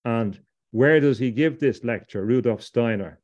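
A man's voice: mid-range voice, a little slow, a little mellow, lo-fi sound. A middle-aged man from Ireland, a podcast guest, talking at length in a discursive way, often repeating words and restarting his sentences. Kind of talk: discursive interview talk.

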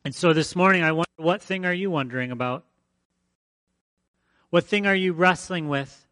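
A man's voice: on the high side, moderate pace, pushed and bright, dry recording. A man preaching a conversational sermon as pastor, emphatic and fond of repeating his phrases.

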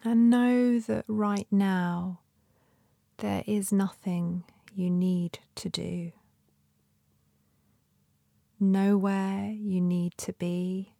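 A woman leading a guided meditation in a soft, breathy, often near-whispered voice with a gentle, soothing manner and long pauses. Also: medium pitch, steady tone, dry recording, studio quality.

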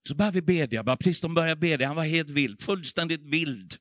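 A middle-aged male preacher tells a revival story in a fervent sermon. His voice sits high and sounds bright and ringing. He swings between hushed passages and loud surges, recorded dry with little room sound. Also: no echo. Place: church.

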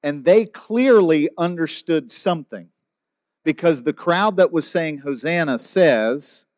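A man's voice: on the high side, lively intonation, takes it slowly, darkish tone, no echo. Conversational preaching man, dry dull sound. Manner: conversational preaching, acts out quoted voices. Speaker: pastor. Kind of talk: sermon.

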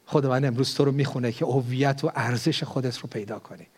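A man's voice: fairly even intonation, husky. Older male pastor preaching with fervor. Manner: impassioned preaching that swells in pitch and volume on key phrases; drops into hushed prayer. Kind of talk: sermon.

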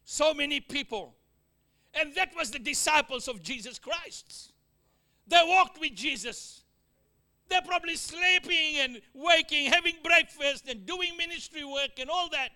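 A Fijian-accented man preaches in a very high, piercingly bright voice, a little on the slow side. He punctuates his points with amens and call-outs to the congregation. Joking asides crop up as he swings between loud declarations and near-murmurs.

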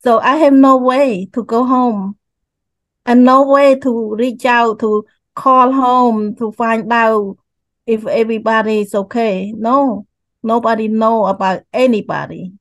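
An older woman from Cambodia with a Cambodian accent, slowly and haltingly telling her life story as a guest over a video call. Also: fairly high pitch, fairly even intonation, no echo, low-quality recording. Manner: slow, halting, repeats words.

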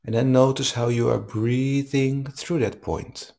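Male meditation teacher, calm and soothing, very unhurried delivery, leaves space between short instructions. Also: medium pitch, vocal fry. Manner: slow, calm, soothing, with long pauses. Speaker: meditation teacher leading a live online session.

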